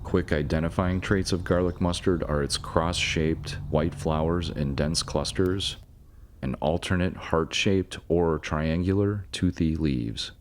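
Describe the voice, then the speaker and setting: Informative and scripted, this nature documentary narration comes from a man with a very deep, low voice who speaks at a measured, even pace. Every so often he adds a dry aside, and a faint hiss lingers beneath his voice.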